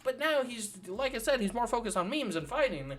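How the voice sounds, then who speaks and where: A man talks through fighters in a loose, profane rant. He is sarcastic and drops bro and dude all the time. His voice has a middling pitch, and faint music runs under it. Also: very animated, brisk, a bit bright. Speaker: channel host. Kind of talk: casual commentary vlog.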